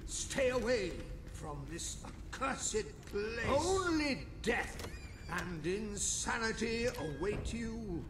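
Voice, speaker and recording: High-pitched ghostly doomsayer. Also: male voice, very animated, noisy background, exaggerated voice. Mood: ominous, menacing. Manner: ominous doomsayer, slow grave warnings. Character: testy ghost of a dead male playwright, booming doomsayer. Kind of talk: theatrical video game voice acting.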